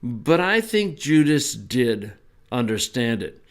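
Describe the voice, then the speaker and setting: A man teaching a Bible lesson in a relaxed, conversational way, with small asides as he explains. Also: mid-range voice, takes it slowly.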